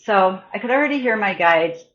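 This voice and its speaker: A woman's voice: medium pitch, animated, a bit bright. Chatty woman healer, dull lo-fi sound. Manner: chatty, halting, with fillers and restarts. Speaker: spiritual healer and massage therapist. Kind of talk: casual live-stream storytelling and guided meditation.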